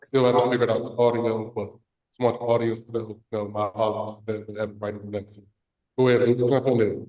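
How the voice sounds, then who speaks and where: A man hosting a casual sports debate, who talks quickly and steps in to moderate, recorded with heavy echo like a big hall. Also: on the low side, flat delivery, dark tone. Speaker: podcast host. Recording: echoey room, audio not sorted out.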